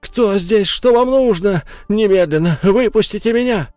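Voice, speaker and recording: A woman's voice: medium pitch, normal speed, dark tone, no room sound, soft background music, voice pushed up, lightly acted. A man voicing a frightened pregnant village wife who screams and begs for help. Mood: panicked screaming. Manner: screaming and begging. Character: terrified pregnant village wife, pleading, defiant.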